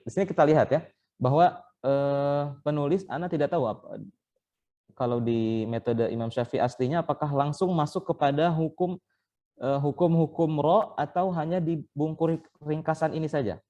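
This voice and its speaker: A man's voice: fairly high pitch, normal speed, mellow, muffled recording. A man teaching Quran recitation in an online training session, patiently explaining step by step and sounding out letters as examples. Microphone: online call.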